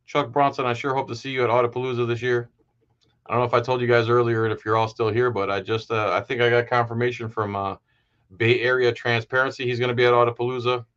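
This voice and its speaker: A man's voice: mid-range voice, fairly bright tone, clear, resonant tone, highs cut off. A man hosting a live stream, giving heated, sarcastic commentary in a casual way.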